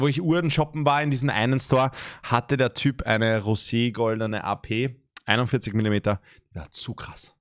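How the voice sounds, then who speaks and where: A man's voice: fairly low pitch, creaky, dry recording, clean studio sound. A young man commenting sarcastically on a street fashion video, talking into a headset in a room indoors. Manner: sarcastic, mocks brand flexing. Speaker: reaction streamer. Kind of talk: casual reaction commentary.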